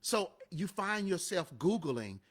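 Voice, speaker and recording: A man co-hosting a casual motivational talk show tells stories with real emphasis. His voice sits a bit high for a man and swings widely in pitch, so every point he makes lands with energy. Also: slow pace. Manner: animated, emphatic storytelling. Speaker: co-host of a live show and podcast.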